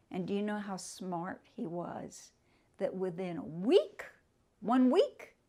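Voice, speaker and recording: Animated woman reading to children. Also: medium pitch. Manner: animated, drawn-out emphasis, asks the children questions. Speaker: storyteller. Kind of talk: reading a story aloud to children.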